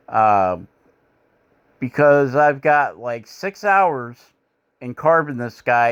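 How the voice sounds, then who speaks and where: A middle-aged Michigan man who hosts a woodcarving channel narrates his carving footage in a rambling, folksy, self-deprecating style, dropping lots of "uh" fillers. His mid-range voice is clear and resonant, though the highs are cut off.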